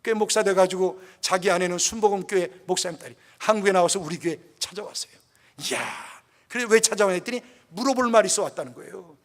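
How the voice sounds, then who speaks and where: A man's voice: high-pitched, fast talker. An older man, a pastor, preaching a sermon with passionate, emotional storytelling. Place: church. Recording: reverberant church hall.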